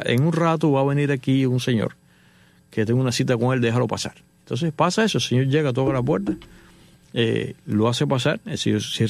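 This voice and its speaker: A middle-aged man from Cuba, hosting and telling a story in an animated way, acting out the dialogue. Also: mid-range voice, creaky, dry recording. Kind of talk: casual storytelling monologue.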